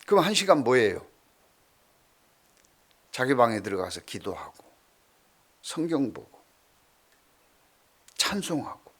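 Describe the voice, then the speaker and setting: Lively storytelling male pastor. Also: mid-range voice, slow, pauses often, breathy edge. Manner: storytelling with lively swings from loud to hushed. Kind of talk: sermon.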